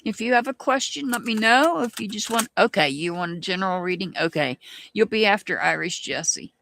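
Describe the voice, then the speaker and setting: Medium-pitched and animated, with vocal fry, a bright quality and a forceful tone, this tarot reader speaks in a Southern US accent. She gives live-stream readings and responds to chat in an unhurried, contemplative way, restarting often.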